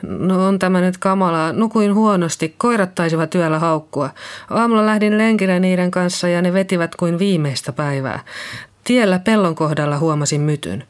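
A woman's voice: lowish voice, pitched above the performer's own voice, close to an everyday voice. A reader voicing a shaky, nervous woman nurse. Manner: hesitant, shaky, anxious. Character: nervous middle-aged woman nurse, shaken witness. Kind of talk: audiobook reading.

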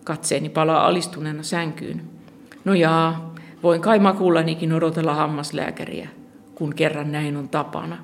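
A narrator reading a first-person literary story aloud in a calm, measured way. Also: medium pitch, creaky, slight background noise. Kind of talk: scripted audiobook narration of literary fiction.

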